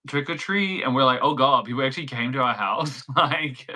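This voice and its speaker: Giggly New Zealand man, bright voice. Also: medium pitch, fairly quick. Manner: chatty, giggly, loose with many likes and ums. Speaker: crochet pattern designer and livestream host. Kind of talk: casual livestream chat while crocheting.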